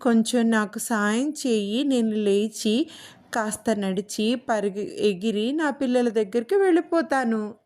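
A woman voicing a hurt, pleading mother bird in a children's storybook, speaking slowly and plainly. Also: a little high, a little mellow, close to an everyday voice.

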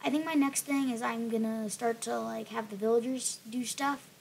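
Gaming voice-over: woman, throaty and gravelly, rambly and apologetic, slightly higher pitch. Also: fairly even intonation, normal speed, darkish tone, a little hiss or hum, poor audio. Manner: rambling, apologetic, filler-laden. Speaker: gaming channel host. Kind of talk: casual gameplay voice-over.

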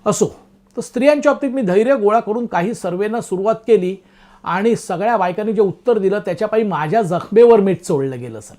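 A man's voice: sits high, lively intonation, brisk, mellow. A middle-aged man delivering a comic monologue in a wry, self-mocking, chatty way, talking straight to his listeners. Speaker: comic storyteller. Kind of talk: stand-up style comic monologue.

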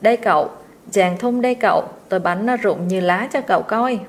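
A woman's voice: medium pitch, fairly quick, close to an everyday voice. A woman voicing a poor servant boy in a storybook reading, earnest and pleading. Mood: eager.

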